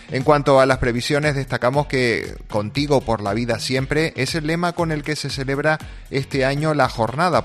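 A man reading a church news program on radio in a measured, formal way. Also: mid-range voice, a bit bright. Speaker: radio presenter.

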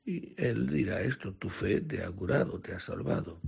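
A man's voice: deep voice, expressive, moderate pace, gravelly, a little mellow, breathy edge. A man, a priest, reading the gospel and preaching earnestly, with some self-corrections.

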